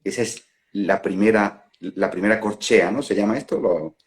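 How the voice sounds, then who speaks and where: Hombre, acento español, voz algo grave, charla espiritual meditada, tono de quien piensa en voz alta. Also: male voice, on the low side. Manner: unhurried, musing, laughs at own examples. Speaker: non-duality facilitator. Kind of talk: reflective spiritual talk. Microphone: phone on a live stream.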